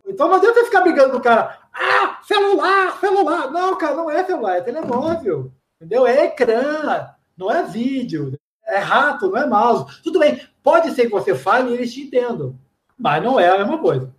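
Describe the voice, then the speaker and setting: A man from Brazil with a Brazilian Portuguese accent, chatting casually as an interviewee, slangy and full of anecdotes and quick asides. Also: very high-pitched, very animated. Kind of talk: casual chat. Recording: echoey room.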